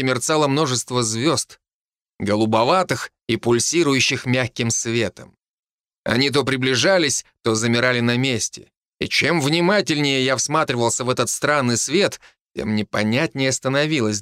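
A man narrating an audiobook in the first person, telling it in an expressive, animated way. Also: medium pitch, normal speed, no room sound, studio quality.

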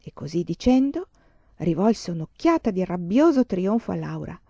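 A woman narrating a novel as an audiobook reader, in an even, measured storytelling manner. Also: lowish voice, creaky, dry recording. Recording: dull, dry lo-fi audiobook recording.

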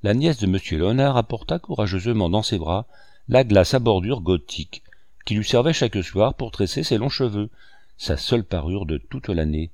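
A man narrating a classic French novel in a measured, literary reading style. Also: fairly low pitch, lively intonation, darkish tone, dry recording, clean studio sound. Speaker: audiobook reader. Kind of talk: scripted narration.

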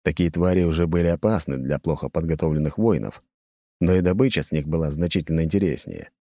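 A male narrator reads an audiobook in an even, measured way. His voice is very deep and warm, and it sits close and dry. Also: no room sound.

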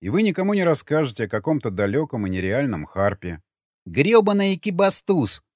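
A man narrating an audiobook in an expressive, dramatic way, close to the mic. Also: medium pitch, fast talker, dry recording. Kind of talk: scripted narration.

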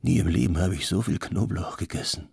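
Awestruck man in an audiobook, read by a male narrator: hushed half-whisper, husky and very gravelly. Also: sits low, fairly quick, dry recording, clean studio sound, full character voice. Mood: awed. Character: astonished, delighted grown man. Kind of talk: audiobook character reading.

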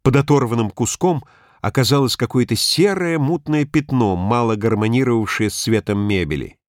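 A man narrating a story aloud with expressive delivery. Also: medium pitch, normal speed, no room sound, studio quality. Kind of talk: storybook reading.

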